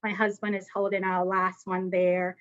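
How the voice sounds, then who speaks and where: Brisk woman from Ghana, dull audio. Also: medium pitch, little pitch movement, a bit bright. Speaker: evaluator co-presenter. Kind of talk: webinar presentation.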